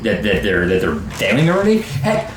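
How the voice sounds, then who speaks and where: A man's voice: fairly low pitch, brisk. A man in his thirties, a youth baseball coach co-hosting a casual podcast, talking with emphasis and acting out quotes. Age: 30s. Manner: animated, emphatic, quoting himself in asides. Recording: roomy echo with faint background noise.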